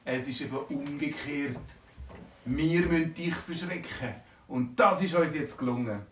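A man with a Swiss German accent voicing a friendly dragon who exclaims loudly. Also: measured pace, slight background noise. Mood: teasing. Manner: exclaiming, high and loud. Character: excitable loud male dragon, friendly. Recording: roomy, distant from mic.

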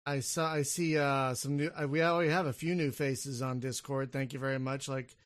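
A man's voice: mid-range voice, fairly even intonation, a little fast, no room sound. A man hosting a casual podcast interview, chatty and upbeat, often restarting his sentences. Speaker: podcast host.

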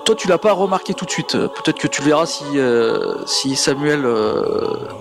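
A man improvising tabletop game narration as game master, in a hesitant, halting way, with music behind him. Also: on the high side, expressive, gravelly.

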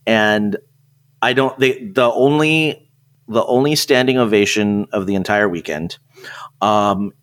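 On a podcast, a man with a theater background chats informally and with enthusiasm. His voice is lowish and fairly bright, and he speaks a little slowly.

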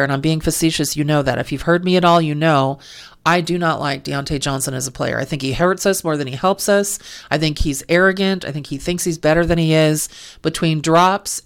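A woman's voice: low voice, smooth. A woman hosting a sports talk show, giving opinionated, exasperated football commentary with sarcastic asides. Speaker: sports podcast host. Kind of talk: casual football commentary monologue. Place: lives in California.

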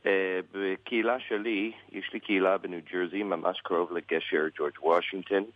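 A man with an American English accent in Hebrew, a native English speaker, answers a radio interview as a rabbi, haltingly searching for words. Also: low-pitched, steady tone, dry recording, phone-quality sound.

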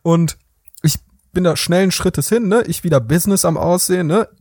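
A man's voice: high-pitched, moderate pace, a little mellow, no echo, clean studio sound. A young man co-hosting a podcast, telling a story in casual chat and acting out the people he quotes in shifting voices. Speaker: podcast co-host.

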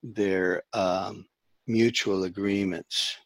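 A middle-aged therapist raised in the Dominican Republic speaks as a guest in a conversational interview, his deep, steady voice creaky and free of any room sound. His speech is halting, full of fillers and restarts.

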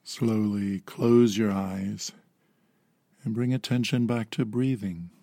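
A man in his fifties gently guiding a slow mindfulness meditation, calm and unhurried with long pauses. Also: on the low side, vocal fry, no echo, studio quality. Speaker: meditation guide.

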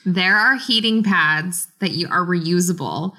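A woman's voice: on the low side, measured pace, sharp tone. A woman archaeologist in casual podcast chat, rambling with lots of fillers.

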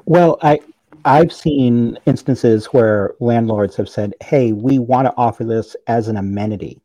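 A man's voice: medium pitch, a little slow, dark tone, dry recording, low-quality recording. A man on a remote video call with a shaky satellite link, so his audio drops out, giving practical explanations on a panel. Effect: call audio dropping out over a shaky satellite link. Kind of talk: conversational panel discussion.

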